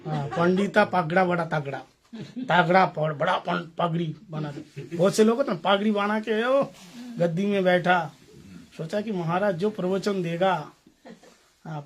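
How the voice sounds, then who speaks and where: High-voiced man telling a playful sermon story. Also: measured pace. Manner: playful, acts out dialogue, asks audience questions. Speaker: spiritual teacher.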